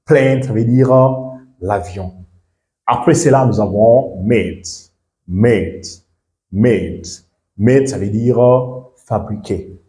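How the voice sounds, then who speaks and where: A man teaching English pronunciation in French, repeating each English word slowly and often checking whether listeners understand. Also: mid-range voice, dark tone, roomy sound. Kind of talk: language lesson.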